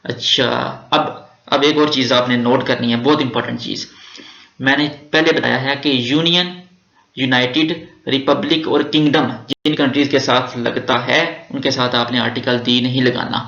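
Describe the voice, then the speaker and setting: एक पाकिस्तानी लहजे वाला पुरुष शिक्षक, जो व्याकरण के नियम बार-बार दोहराकर धीरे-धीरे समझाता है।. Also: male voice, medium pitch, fairly even intonation, moderate pace, gravelly, bright, forceful tone. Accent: Pakistani Urdu. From Pakistan. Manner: repetitive, drilling rules step by step. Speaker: teacher. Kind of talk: grammar lecture. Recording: echoey room, dull lo-fi sound.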